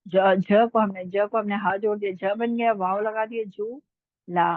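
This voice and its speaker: A woman's voice: medium pitch, steady tone, unhurried, no room sound, phone-quality sound. A woman teaching Urdu script in an online lesson, spelling words out letter by letter in a patient way.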